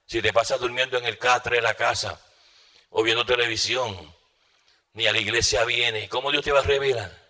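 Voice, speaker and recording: Bright-voiced male preacher in a reverberant hall. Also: medium pitch. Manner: rising and falling preaching cadence, rhetorical questions to the audience. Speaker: pastor. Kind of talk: sermon.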